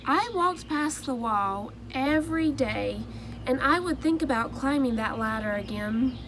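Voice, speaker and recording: A woman reading the part of a timid male egg who tells his own story in soft, earnest first-person storybook narration. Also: high voice, expressive, unhurried, background noise. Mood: hopeful.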